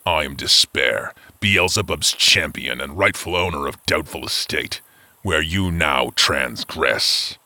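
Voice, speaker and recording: A hulking, surly giant growls out threats, as a male narrator puts him on. The voice sits very low with a hard, bright edge. It is recorded close and dry. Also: takes it slowly, dry recording, heavily acted. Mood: threatening.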